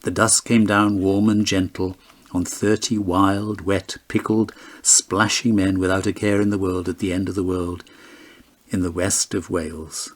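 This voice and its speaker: A man's voice: sits low, flat delivery, unhurried. A man narrating an audiobook in a lyrical, storytelling way.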